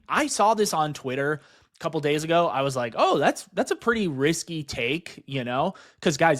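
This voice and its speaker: Brief: excited male crypto commentator, slightly high voice, fast and chatty, leans on "guys" and "right?". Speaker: crypto investing YouTuber. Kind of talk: excited market commentary over charts.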